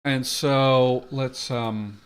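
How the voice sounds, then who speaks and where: A man at a middle pitch speaks at an unhurried, deliberate pace. He thinks aloud, trailing off and restarting as he weighs options for the language he is building. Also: fairly even intonation, clean tone. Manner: slow, hesitant, many fillers and restarts. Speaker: podcast host.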